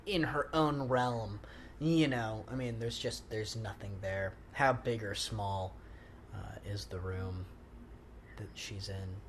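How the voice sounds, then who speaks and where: A man's voice: lowish voice, slow. Guy doing loose director commentary, kinda rambly, trails off, recorded in a living room w some background noise. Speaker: film director and writer giving audio commentary. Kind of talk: casual film commentary chat. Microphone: handheld portable recorder in the room. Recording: noisy handheld room recording.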